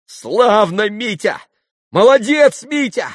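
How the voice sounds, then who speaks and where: A man's voice: sing-song, slow pace, no echo, clean studio sound, heavily acted. A man voicing a hysterical young woman, bitter and mocking, who cries out shrilly. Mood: spiteful. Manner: shrill, crying out.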